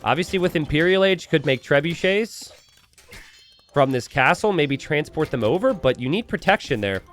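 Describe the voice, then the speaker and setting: A man giving live, casual and joking video game commentary to a stream, prone to excitable, repeated exclamations. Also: on the high side, normal speed, soft background music. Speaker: esports commentator. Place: indoors at a computer.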